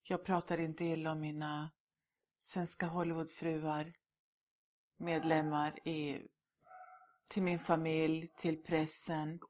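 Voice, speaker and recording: Low-voiced woman speaking emphatically. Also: little pitch movement, long pauses, a little mellow. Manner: emphatic, drops in English words. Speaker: interviewee. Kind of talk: candid conversational interview.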